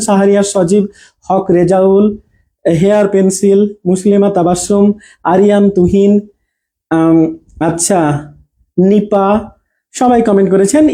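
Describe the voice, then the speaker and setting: Man, teacher, mellow voice, online class, patient explaining, asks then answers. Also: sits high. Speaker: Bangla teacher. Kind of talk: online class lesson reading viewer comments.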